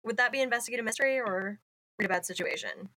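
A woman's voice: fairly high pitch, quick pace, pushed and bright. A woman playing a tabletop game over a video call, eager and chatty. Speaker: player. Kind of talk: tabletop game play, casual chat.

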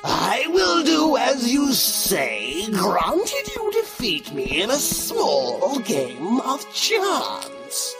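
A man voicing an evil snake wizard, speaking with theatrical, drawn-out menace and a gravelly edge. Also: wildly swooping pitch, music in the background, full character voice. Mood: gloating. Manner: theatrical villain, slow and booming.

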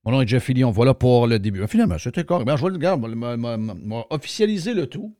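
Animated Québécois man hosting talk radio. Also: mid-range voice, quick pace, no room sound, clean studio sound. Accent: Québécois French. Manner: colloquial, emphatic, addresses listeners directly. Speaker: radio show host. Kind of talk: opinionated talk radio monologue and sponsor reads.

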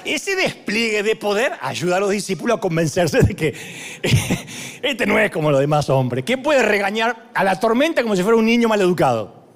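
A middle-aged pastor delivers a sermon in a high, bright register. His pitch leaps wildly up and down as he tells the story. He keeps it humorous and animated, acting out scenes and shouting quoted lines. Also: normal speed.

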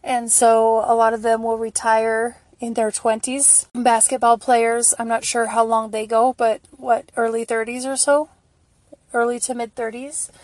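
A woman's voice: on the high side, a little mellow, no echo. A woman hosting a solo podcast, talking in an informal, rambling, casual way. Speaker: podcast host. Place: at home, recorded in a stairwell for the introduction.

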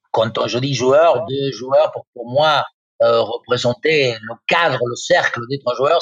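Man with Argentine accent, Spanish native, fifties, football pundit, halting with fillers, muffled lo-fi sound. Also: medium pitch, fairly bright tone, no room sound. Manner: hesitant, many fillers and restarts. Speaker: guest pundit, former footballer. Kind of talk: radio football talk.

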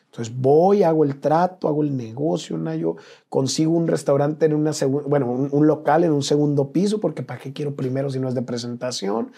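A man from Mexico, an interview guest telling an emotional personal story in an earnest, slangy way, dropping to a hush at painful moments. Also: on the high side, brisk, creaky, slightly rough.

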